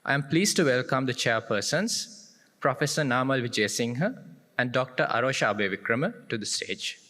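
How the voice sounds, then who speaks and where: Male emcee, mid pitch, formal read-out delivery; long hall reverb. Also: animated, normal speed, sharp tone. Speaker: master of ceremonies. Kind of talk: formal scripted announcement.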